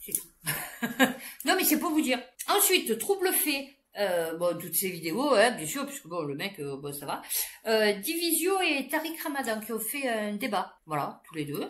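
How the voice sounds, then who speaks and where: Fairly high-voiced woman ranting on her vlog, slangy and loud, lots of laughing. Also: sing-song, normal speed. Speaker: vlogger. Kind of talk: casual ranting monologue. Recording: roomy echo.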